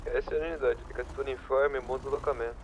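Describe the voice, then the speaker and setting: A man's voice: mid-range voice, fairly even intonation, quick pace, highs cut off, noisy background. A man acting as an emergency dispatcher over a two-way radio, answering in clipped, procedural radio code. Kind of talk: roleplay radio traffic with radio codes.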